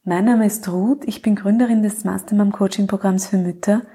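A woman hosting a podcast with calm, measured scripted narration, addressing the listener directly. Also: medium pitch, slightly rough. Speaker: podcast host, coach for mothers.

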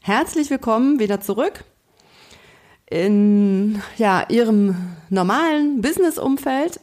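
A woman's voice: medium pitch, darkish tone. A woman coach talking informally to her podcast listeners, a bit hesitant as she thinks aloud.

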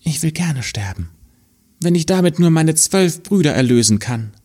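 A man's voice: a little high, expressive, normal speed, a little mellow, voice pushed up. A man voicing a young princess in a spoken fairy tale, earnest and pleading. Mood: devoted. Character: young princess searching for her brothers.

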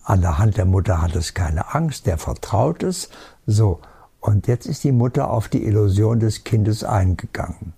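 Gravelly, husky-voiced man teaching calmly. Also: on the low side, normal speed. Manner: calm, certain and emphatic, with rhetorical questions. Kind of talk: spiritual teaching talk.

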